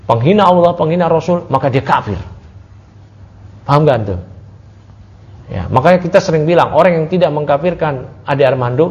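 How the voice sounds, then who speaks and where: A man teaching an Islamic study class, talking casually with his listeners and swinging from low asides to raised, emphatic points. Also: darkish tone. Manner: conversational, asks the audience, swings from low to raised emphatic tones. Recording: muffled audio recording.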